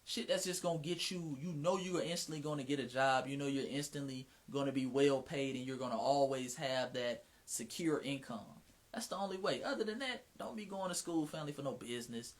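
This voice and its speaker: A man's voice: mid-range voice, fairly quick. Frank slangy Southern man with a twang. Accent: Southern US with a Mississippi twang. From Atlanta, US. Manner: slangy, frank, drops profanity, many restarts. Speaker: author hosting his own livestream. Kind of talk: casual livestream chat.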